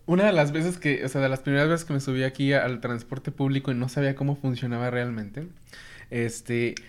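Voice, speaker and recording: Male podcast host, lively anecdotal storyteller, medium pitch. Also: a little fast. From Mexico. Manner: animated storyteller, laughs often, acts out voices in anecdotes. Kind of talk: casual chat.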